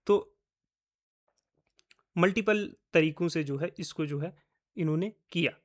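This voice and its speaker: Man teaching a current-affairs lecture, higher voice. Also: measured pace. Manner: conversational, repeats key terms, asks and answers own questions. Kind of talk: recorded exam-prep lecture.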